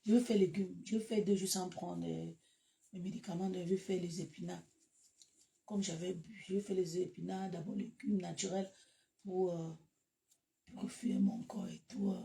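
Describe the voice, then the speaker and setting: A woman with a Cameroonian French accent talks casually to her followers in a gravelly voice. She is animated and breaks into loud bursts. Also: on the low side, normal speed. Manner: animated, laughs loudly, shifts to loud bursts. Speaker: social media live host. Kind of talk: casual live chat to followers.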